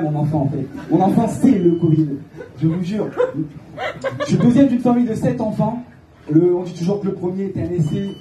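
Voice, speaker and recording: A young man from Calais with a northern French accent, doing a rambling stand-up set in a comedy club. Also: high voice. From Calais, northern France. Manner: rambling, hesitant with frequent filler sounds. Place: comedy club stage, heard from the audience. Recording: echoey club audio from a distant mic. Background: audience laughter and room noise.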